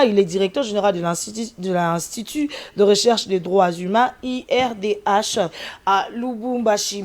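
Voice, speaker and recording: A woman hosts a TV interview. She presses her guest with repeated questions and stumbles through frequent hesitations. Her voice sits at a middle pitch. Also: a little mellow.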